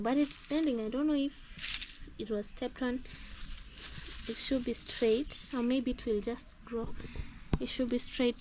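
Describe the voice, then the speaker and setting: A woman chatting casually as she walks through her garden, musing aloud and admiring the plants, recorded outdoors on a phone. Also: on the high side. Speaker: vlogger. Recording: outdoor noise, birdsong.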